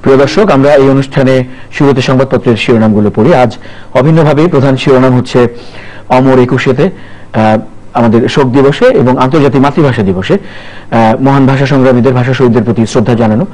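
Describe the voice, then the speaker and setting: A man's voice: medium pitch, a little fast, a little mellow, poor audio. A man hosting a TV newspaper review show, introducing a guest in a formal broadcast manner with occasional brief fillers. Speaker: TV news review host.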